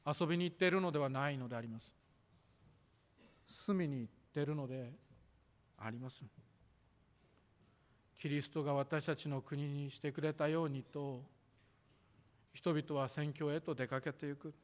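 A man preaching a sermon as pastor, measured and formal, drawing out the ends of his sentences. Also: on the high side, fairly even intonation. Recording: echoey hall reverb.

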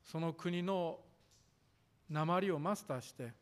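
A man preaching a sermon as pastor, measured and formal, drawing out the ends of his sentences. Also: fairly high pitch, clear, resonant tone. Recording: echoey hall reverb.

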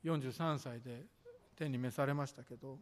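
A man preaching a sermon as pastor, measured and formal, drawing out the ends of his sentences. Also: mid-range voice. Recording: echoey hall reverb.

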